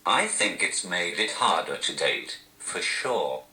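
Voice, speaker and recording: A man's voice: deep voice, big pitch swings, takes it slowly, sharp tone, reverberant, rough recording. A man, a stand-up comedian, answering interview questions through a text-to-speech device whose voice sounds posh and robotic, with a dry, self-mocking delivery. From Newcastle, England.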